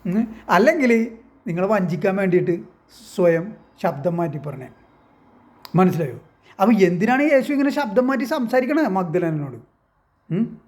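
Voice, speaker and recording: A man with a notably high voice talks straight to his viewers in a loose, casual monologue. He retells a story step by step, pausing to ask whether they follow. He often poses questions and then answers them himself. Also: animated, darkish tone. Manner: rhetorical, keeps asking if listeners understand. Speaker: online commentator.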